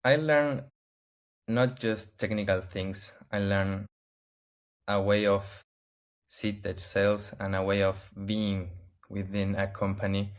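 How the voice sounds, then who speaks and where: Over a video call, a native Spanish-speaking man from Argentina gives interview answers in hesitant English, often restarting and searching for words. His Argentine accent comes through in a fairly low, steady tone.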